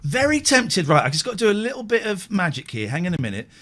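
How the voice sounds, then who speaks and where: A male host of a live late-night show, talking casually and animatedly. His voice sits somewhat high and moves a great deal between high and low. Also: fast. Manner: animated, chatty, self-mocking. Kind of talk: casual live-stream radio chat.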